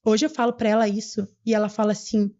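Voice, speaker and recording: A young adult woman, telling her personal story as a podcast guest in an earnest, fervent way and slowing down for emphasis. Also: mid-range voice, level tone, dark tone, lo-fi sound. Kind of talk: emotional personal testimony.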